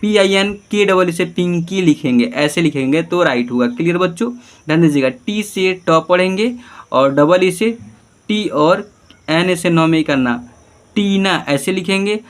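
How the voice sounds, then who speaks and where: A man's voice: high-pitched, lively intonation, a little slow. A male teacher giving an online spelling lesson, patiently spelling names out letter by letter and often checking that the children follow. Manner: often says "okay" and checks understanding.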